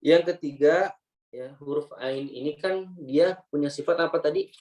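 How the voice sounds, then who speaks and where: A man teaching Quran recitation rules with an Indonesian accent, explaining step by step and slowly demonstrating example words. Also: fairly high pitch, a little mellow, low-quality recording. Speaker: tajwid teacher.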